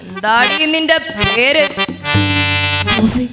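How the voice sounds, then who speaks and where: A woman's voice: high-pitched, slow pace. Girl doing a sneering Gestapo officer. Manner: harsh, insulting barks. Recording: hall reverb, accordion music behind.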